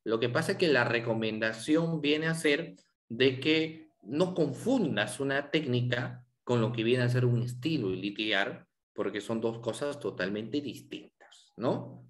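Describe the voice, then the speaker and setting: A man giving a lecture to lawyers, asking rhetorical questions and adding tag questions. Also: medium pitch. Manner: asks the audience rhetorical questions, with frequent tag questions. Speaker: law lecturer.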